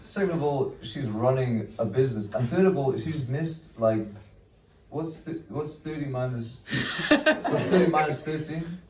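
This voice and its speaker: The mic catches this young Welsh comedian from afar in a small, echoey venue; his voice is medium-pitched, a little slow and darkish in tone. He swears, mocks himself and trails off into laughs across a rambling stand-up set.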